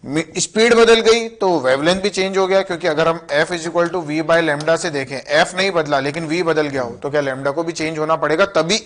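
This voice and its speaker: High-voiced man explaining physics step by step. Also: moderate pace, hardly any pauses, a bit bright. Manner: reasons step by step, checks with fillers like "ठीक है". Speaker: co-teacher. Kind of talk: classroom lesson explaining concepts.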